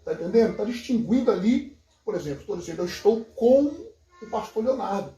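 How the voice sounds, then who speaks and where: A man's voice: sits high, animated, a little fast, warm tone. Emphatic, explaining man in an echoey room. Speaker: Greek language teacher. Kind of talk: casual theological conversation. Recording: echoey room, distant from mic.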